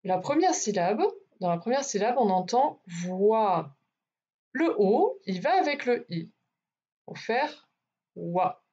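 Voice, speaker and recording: Woman teacher, phonics lesson for small kids, slow and lively in pitch, slightly husky, dull lo-fi sound. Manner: slow, deliberate, over-articulated sounds. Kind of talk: phonics lesson for young children.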